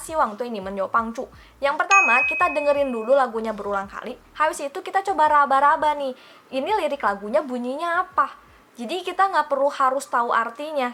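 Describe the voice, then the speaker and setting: In a casual language lesson, a young Mandarin teacher chats with her viewers in a high, bright, forceful voice. She refers to herself by name and keeps throwing rhetorical questions at her listeners.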